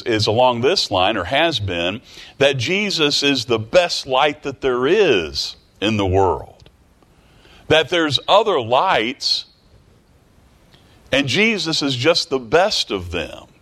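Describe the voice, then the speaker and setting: A man's voice: mid-range voice, big pitch swings, slow, fairly bright tone. A man preaching a sermon in a folksy, way. He repeats phrases and climbs to emphatic peaks. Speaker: pastor.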